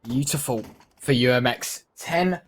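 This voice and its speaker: A man's voice: mid-range voice, measured pace. A man doing esports caster play-by-play commentary with dramatic, emphatic phrasing. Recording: background noise, game gunfire and clicks.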